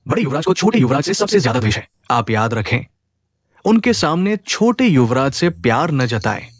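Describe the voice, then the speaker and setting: A man's voice: mid-range voice, sing-song, normal speed, dry recording, clean studio sound. A man voicing a loyal older aide who earnestly explains family matters. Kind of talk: Hindi drama dubbing.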